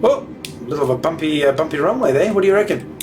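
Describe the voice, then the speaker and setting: A man's voice: on the high side, expressive, quick pace, background noise. A man chatting casually and informally as he streams a flight simulator to viewers. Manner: matey, informal. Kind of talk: casual livestream chat.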